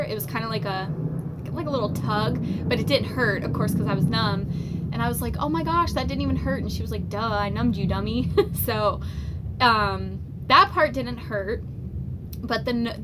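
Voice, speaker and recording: A young woman vlogger telling a personal story in a casual, chatty way, full of fillers and animated retellings. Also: medium pitch, background noise.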